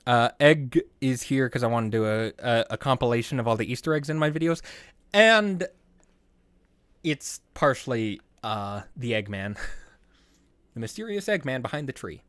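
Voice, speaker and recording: A man casually talking through the making of his own videos, rambling, trailing off and restarting, with bursts of excitement. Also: mid-range voice, moderate pace, no echo. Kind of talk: casual behind-the-scenes commentary.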